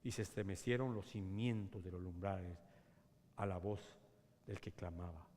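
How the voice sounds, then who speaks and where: A man pastor preaching a sermon, swinging between loud cries and hushed whispers. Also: low voice, moderate pace, a little hiss or hum. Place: church sanctuary. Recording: long church hall reverb.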